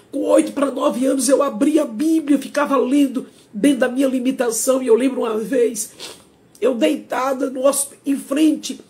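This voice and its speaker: A woman's voice: sits high, a little mellow. A woman with a Sergipe accent from Brazil, speaking through tears in a confessional live stream, pleading and emotional. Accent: Sergipe Brazilian Portuguese. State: crying. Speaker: singer. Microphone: phone.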